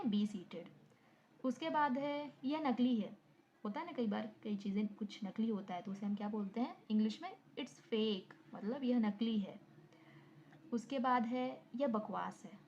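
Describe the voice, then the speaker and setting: Woman teaching in a dark, mellow voice. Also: on the high side, slight background noise. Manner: drills each phrase with a question and repeats the answer. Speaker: English teacher, channel host. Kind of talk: beginner language lesson. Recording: dull lo-fi recording.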